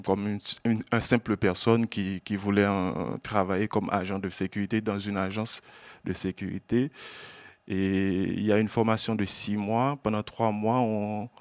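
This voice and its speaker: Earnest man, low voice. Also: dry recording. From Haiti. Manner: earnest, measured, often halting to repeat words. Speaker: exiled journalist speaking at an event. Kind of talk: personal testimony to an audience.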